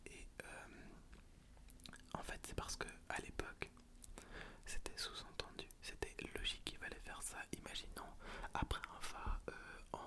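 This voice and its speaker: A man hosting ASMR in a breathy whisper, halting and softly repeating words. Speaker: ASMR host.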